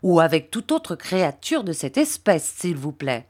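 A woman's voice: fairly low pitch, sing-song, measured pace, a little mellow. A woman reading a polite, bashful young man in love in an audiobook, speaking formally and a little stiffly. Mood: earnest.

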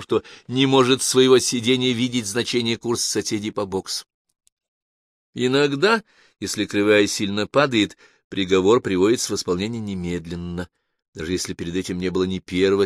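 A man reading an audiobook in a measured, dramatic narration. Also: fairly low pitch, no echo, studio quality. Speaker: audiobook reader. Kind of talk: audiobook narration of science fiction.

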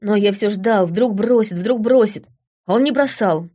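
A woman's voice: medium pitch, warm tone, natural voice. Woman doing an obsessive, hurt village youth. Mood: confessing. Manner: halting, repeats himself, confessional. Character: young village man, hurt, obsessive, brooding.

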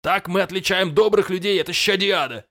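A man's voice: high voice, brisk, sharp tone, voice pushed up. A man voicing brutish, suspicious griffin guards who bellow at intruders. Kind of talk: audiobook character voice.

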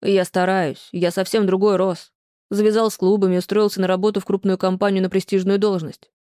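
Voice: medium pitch, flat delivery, fairly quick, darkish tone, dry recording, natural voice. An audiobook reader voicing a remorseful ex-husband who pleads and reproaches himself in a plain, close, dry read. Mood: pleading. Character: remorseful ex-husband pleading with his former wife.

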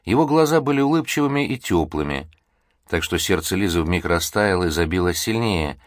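A man narrating an audiobook in an expressive, measured storytelling manner. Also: low voice, no echo, studio quality.

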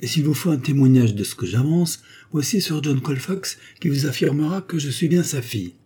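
Sly, mocking young woman, pitched up, husky, as a male reader plays her. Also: brisk, mellow. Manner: teasing, ironic.

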